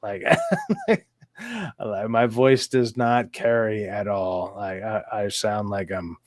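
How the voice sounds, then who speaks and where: A man with a smoker's rasp and slurred, hissy S sounds, rambling and stammering through casual stream chat while swearing freely. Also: fairly low pitch, slow, no echo, studio quality.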